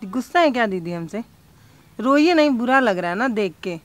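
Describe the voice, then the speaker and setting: A woman's voice: mid-range voice, brisk, soft background music. A woman reporting on location as a field news reporter, coaxing and pleading with questions, then speaking impassioned to camera.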